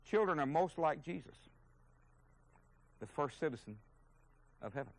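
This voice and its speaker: A man's voice: on the high side, lively intonation, unhurried, gravelly, dry recording, rough recording. A man teaching a sermon as a Bible teacher, earnest and emphatic, openly indignant at his subject.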